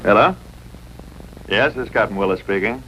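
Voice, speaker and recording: An actor playing an easygoing, teasing Air Force captain and husband in a 1950s TV broadcast drama, with folksy banter. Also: male voice, on the low side, moderate pace, bright, forceful tone. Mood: mild, reassuring. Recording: noisy old 1950s TV soundtrack.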